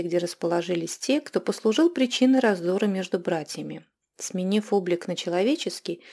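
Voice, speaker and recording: A woman narrating a dark fantasy audiobook in a measured, even reading. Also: medium pitch. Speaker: audiobook reader. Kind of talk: scripted narration.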